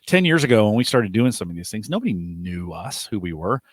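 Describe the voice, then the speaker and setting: A man's voice: on the low side, very animated, a little fast, no room sound. A man co-hosting a casual podcast chat, talking thoughtfully and often restarting his sentences. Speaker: co-host.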